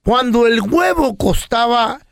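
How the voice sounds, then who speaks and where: A man's voice: very high voice, animated, slow pace, gravelly, no echo, clean studio sound. A man with a Mexican accent hosting a radio show, telling slangy, joking anecdotes. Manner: playful storyteller, slangy.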